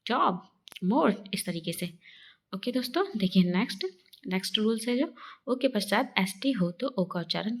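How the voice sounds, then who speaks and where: A woman teaching an English phonics lesson, explaining sounds and slowly reading out lists of example words. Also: mid-range voice.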